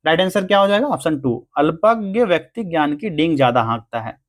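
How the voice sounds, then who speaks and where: Man, fairly high voice, exam-prep teacher, walks through answers, asks and answers his own questions. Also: animated, fairly quick. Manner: explains answers step by step, asking and answering himself. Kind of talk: Hindi grammar lesson.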